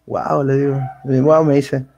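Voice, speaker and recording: A young man, a guest telling his story in a casual, animated interview and acting out the dialogue. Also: medium pitch, brisk, gravelly. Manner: animated retelling full of quoted dialogue.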